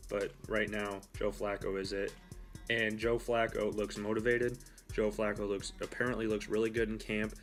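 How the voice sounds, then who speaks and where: A man's voice: fairly low pitch, fairly bright tone. A young man hosting a casual solo sports talk show, rambling and correcting himself as he goes. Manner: rambling, with fillers and self-corrections. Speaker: host.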